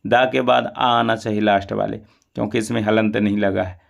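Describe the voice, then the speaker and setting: A man teaching Sanskrit mantra pronunciation, chanting each syllable slowly and at length between explanations. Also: on the low side, level tone, vocal fry.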